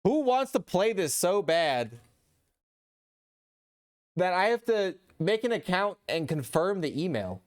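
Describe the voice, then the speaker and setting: A man's voice: high voice, very animated, slow pace, pauses often. A man streaming live, chatting casually with his chat in a rambling way and reading posts aloud.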